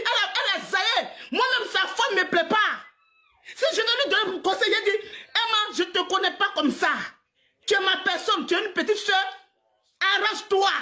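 A woman in her forties rants on a live stream in a very high, bright, forceful voice. She scolds at length, laughs often, and keeps repeating herself. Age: 40s. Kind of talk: heated live-stream rant.

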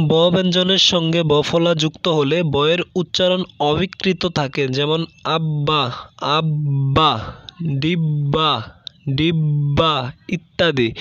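Man reading a lesson, flat and careful. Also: fairly high pitch, no room sound, lo-fi sound. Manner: slow, careful reading, repeating each example word. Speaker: online teacher. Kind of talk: reading out an assignment answer sheet.

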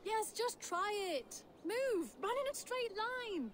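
An actress playing a confident, breezy young huntress companion in a video game. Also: female voice, very high voice, sing-song, slow pace, fairly bright tone, a little hiss or hum, exaggerated voice. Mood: confident, urging.

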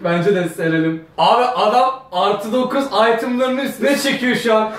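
A man's voice: high-pitched, normal speed, a bit bright, far from the mic. A young man teasing casually as he takes part in a challenge video. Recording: very echoey room, off mic.

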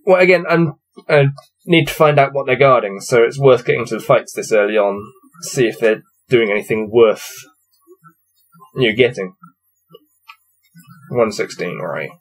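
In a small cluttered room with shelves, a twenty-something man reads a fantasy gamebook aloud at his desk, commenting on his dice rolls and laughing with amusement. His mid-range voice moves at a moderate pace with frequent pauses, faint music sits behind him, and the recording quality is low.

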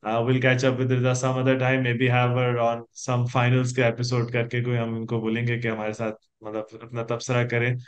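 A man's voice: mid-range voice, completely flat delivery, very fast, few pauses. A man with a Pakistani accent hosting a casual sports interview, switching between Hindi-Urdu and English mid-sentence. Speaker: interview host.

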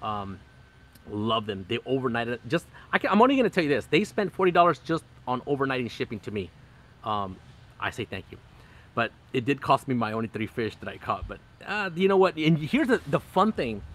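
A middle-aged man talks to his live stream viewers from outdoors, his phone held close. He chats loosely with lots of ums and restarts and breaks into laughter now and then. His voice sits at an ordinary middle pitch for a man. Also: sing-song, fairly quick, fairly bright tone, a little hiss or hum. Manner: chatty, frequent fillers and restarts, bursts of laughter. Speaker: fishing channel host. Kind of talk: casual live stream chat. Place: outdoors in a backyard under a canopy. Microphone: phone camera close up.

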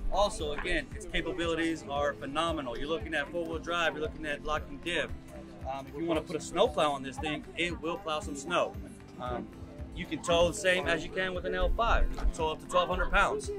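A man in his forties walking through farm vehicles at an outdoor show, pitching each one in a casual, filler-heavy way. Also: steady tone, a little fast. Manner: casual, repeats "it does have", filler-heavy. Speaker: product rep at a farm show. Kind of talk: walkaround sales pitch. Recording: music playing behind.

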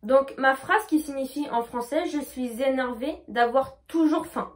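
Femme à la voix aiguë, leçon d'anglais. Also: female voice, sits high. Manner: slow, over-articulated demonstrations of English words. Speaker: English teacher. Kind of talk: pronunciation lesson.

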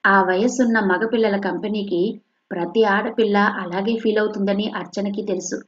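A woman from coastal Andhra reading an audio novel in a steady, measured narration. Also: mid-range voice. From coastal Andhra, India. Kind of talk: scripted narration. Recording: dull lo-fi recording.

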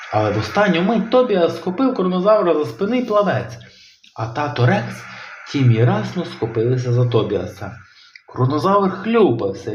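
Animated man telling a children's tale. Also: a little high, slight background noise. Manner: animated, expressive. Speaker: storyteller. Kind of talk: children's audio tale narration. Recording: roomy, slightly dull home recording.

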